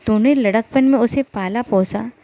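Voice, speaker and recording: A woman's voice: fairly high pitch, normal speed, warm tone, a little hiss or hum, close to an everyday voice. A woman narrator voicing a village accountant who lectures in a reasoning tone. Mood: lecturing.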